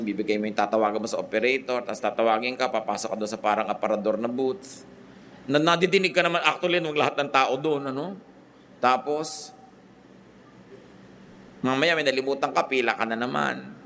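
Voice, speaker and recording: A man with a Filipino accent preaching a sermon in an animated way, with sudden high leaps for emphasis. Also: a little hiss or hum. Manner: animated, switching between Tagalog and English, wide pitch swings for emphasis.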